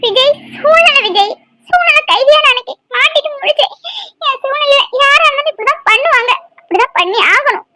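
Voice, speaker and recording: A young woman in a cartoon drama pleads with her old flame in a very high, bright and rapid voice. She sounds exasperated and defensive. A woman acts her out. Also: expressive, no echo, full character voice. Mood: pleading.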